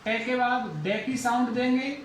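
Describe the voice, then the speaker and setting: A man with an Indian accent teaching a phonetics lesson, going slowly and repeating each example word several times. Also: extremely high pitch, little pitch movement, roomy sound, slight background noise, poor audio. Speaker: English teacher.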